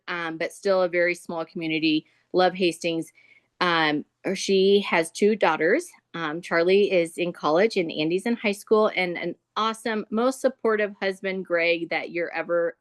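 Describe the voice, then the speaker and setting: Nebraska woman, kinda low voice, gushing folksy intro on a zoom call. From Nebraska, USA. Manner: enthusiastic, folksy. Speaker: host introducing a guest. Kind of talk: casual introduction on a video call. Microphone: computer mic on a video call.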